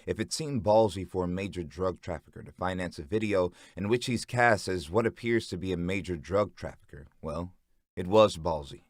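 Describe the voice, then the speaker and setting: A man narrating an audiobook chapter in a steady, dramatic storytelling manner. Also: low voice, moderate pace, dry recording, studio quality.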